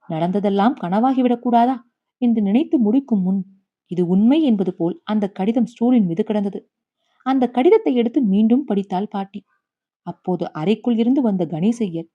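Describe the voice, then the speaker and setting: A woman narrating a short story as an audiobook reader, in a measured, expressive storytelling manner. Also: medium pitch, muffled recording.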